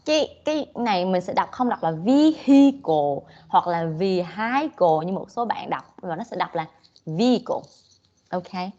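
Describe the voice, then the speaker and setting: A woman's voice: medium pitch, animated, fairly quick, few pauses, a little mellow, highs cut off. A woman with a Southern Vietnamese accent teaching an English class online, switching between English and Vietnamese with frequent "okay"s.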